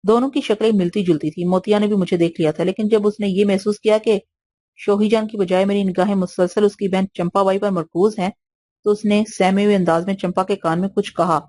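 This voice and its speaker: A woman reads a novel aloud as a narrator, keeping a steady, even storytelling pace at a middle pitch. Her delivery is scripted and measured.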